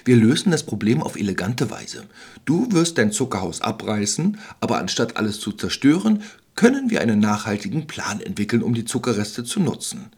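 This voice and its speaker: A man voicing a calm, wise forest environmental expert who speaks in a soothing, lecturing, husky tone. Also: lowish voice, fairly quick, heavily acted.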